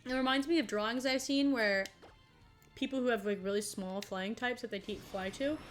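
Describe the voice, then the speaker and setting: A woman's voice: a little high, fairly even intonation, moderate pace, faint music behind. A woman streaming a video game, chatting casually and rambling as she plays, often breaking into laughter. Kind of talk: casual gaming commentary.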